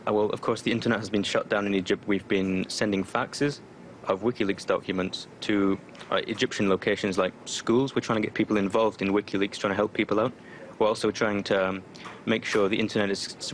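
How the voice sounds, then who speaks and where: Speaking for an online activist group, a man answers interview questions over a remote call, defiant and loose with many fillers. A voice disguise makes him sound deeper, and there is slight background noise.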